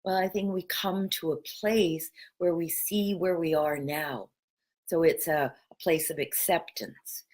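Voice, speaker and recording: A middle-aged woman spiritual coach with a Pacific Northwest American accent, talking in a gentle, chatty vlog style with guided breathing. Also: on the low side, fairly even intonation, unhurried. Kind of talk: casual spiritual vlog talk.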